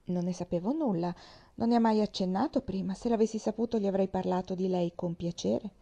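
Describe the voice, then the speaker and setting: Earnest reserved young woman, read by a woman, measured and mellow. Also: mid-range voice, vocal fry. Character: Anne Elliot, earnest young woman nearly twenty-seven, reserved.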